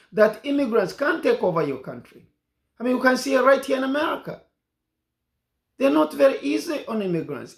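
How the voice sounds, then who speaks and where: A man's voice: high-pitched, reverberant. A man from Uganda giving an impassioned political monologue as a commentator, repeating and hammering his points.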